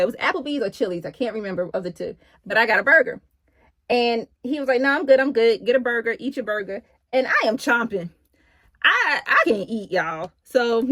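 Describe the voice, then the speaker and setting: A woman's voice: a little high, a bit bright, dry recording. Chatty woman telling a story. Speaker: vlogger. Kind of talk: casual storytelling to camera.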